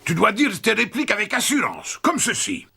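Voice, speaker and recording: A man voicing an unhinged, pompous alien villain in a cartoon, declaiming theatrically with a gravelly voice. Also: sits high, wildly swooping pitch, moderate pace, sharp tone, faint music behind, full character voice. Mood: pompous, gleeful. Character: unhinged, grandiose alien villain, theatrical self-proclaimed evil genius. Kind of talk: French cartoon voice acting.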